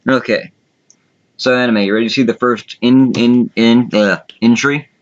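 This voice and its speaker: Over dull, lo-fi voice chat audio, a contest host keeps up crude, casual chatter and commentary with some swearing mixed in. He speaks at normal speed, with a medium pitch and fairly even intonation.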